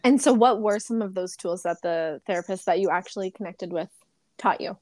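A woman hosts a conversation, her voice mid-pitched and recorded dry and close with no room around it. She speaks reflectively and with empathy, relating her own experience to her guest's. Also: brisk, a little mellow, no room sound. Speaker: podcast host. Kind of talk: conversational interview.

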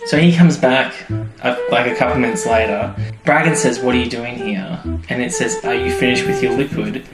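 A podcast co-host briskly retells television episodes in a mid-range voice, keeping things casual, jokey and informal. The room is echoey, with faint music behind him.

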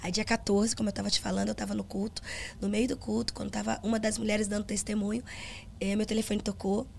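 A woman's voice: medium pitch, flat delivery, quick pace, creaky, darkish tone, slight background noise. A woman pastor with a Brazilian accent, earnestly telling a personal testimony in conversation and acting out the dialogue she remembers. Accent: Brazilian Portuguese.

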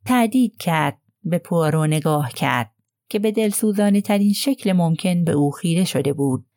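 A woman narrating a crime novel audiobook in a steady, measured reading voice. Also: lowish voice, no echo, studio quality. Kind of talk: scripted narration.

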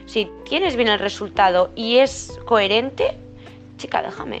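A teenage girl from talks in casual, slangy chat. She sounds indignant and argues her point, in a fairly high voice. Faint music plays behind her. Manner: indignant, quick colloquial slang. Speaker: student.

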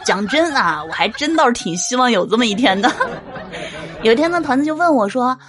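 A woman's voice: on the high side, animated, brisk, soft background music. Amused mother telling funny stories. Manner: amused, often laughing between jokes. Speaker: mother telling family anecdotes. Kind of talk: humorous storytelling monologue.

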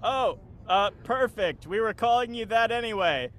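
A man playing a high, chirpy awkward droid. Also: animated, moderate pace, a bit bright, a little hiss or hum. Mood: friendly. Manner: hesitant, polite, stammering. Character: friendly, awkward droid crew member. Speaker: player.

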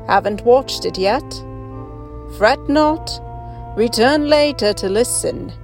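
A woman voicing a theatrical, spooky female ghost host who welcomes listeners with slow, drawn-out, ominous lines and eerie laughs. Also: on the high side, expressive, faint music behind, pitched above the performer's own voice. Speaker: podcast co-host.

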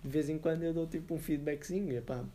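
A young man in casual, slangy podcast chat, thinking aloud in halting repetitions. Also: on the high side, dark tone, a little hiss or hum. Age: young adult. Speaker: podcast co-host.

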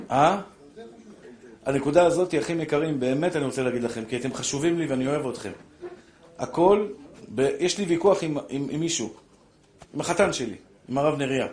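Older man, rabbi giving a sermon, fairly high voice, heated and direct. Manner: animated preaching, addresses listeners as brothers. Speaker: rabbi giving a Torah class.

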